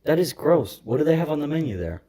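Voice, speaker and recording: Teasing young man with a husky voice. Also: a little high, very animated, quick pace, warm tone. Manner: teasing, joking, laughs often. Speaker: podcast co-host. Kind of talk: casual banter.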